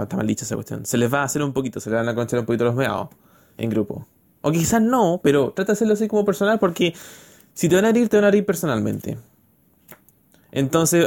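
A young man with a Chilean accent casually telling a story about his studies, slangy and animated, acting out what people said. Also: fairly high pitch. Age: young adult. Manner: animated, acts out quotes, slangy. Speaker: student storyteller.

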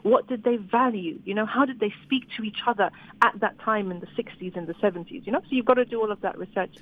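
A woman novelist who grew up in Zimbabwe talks animatedly about her books as an interview guest, often restarting her sentences. Her medium-pitched voice moves at a quick pace over a dry, phone-like line with a little hiss or hum.

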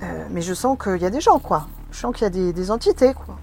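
A woman's voice: lowish voice, expressive, brisk, creaky, mellow, a little hiss or hum. A woman telling a personal experience in vivid, emotional, hesitant speech.

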